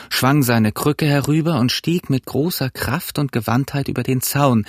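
A man reads an adventure story aloud in a measured, scripted way. His voice is slightly husky, at an ordinary pitch. The recording is dry and close, with no room sound. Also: no echo. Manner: measured storytelling, first person. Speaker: audiobook narrator. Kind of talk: scripted narration.

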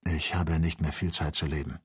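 A man voicing a weak, dying male missionary in an audiobook, speaking faintly and slowly with broken phrases. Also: rumbling low, fairly even intonation, breathy edge, pitched below the performer's own voice, full character voice. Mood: weak, sorrowful. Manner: faint, slow, broken speech.

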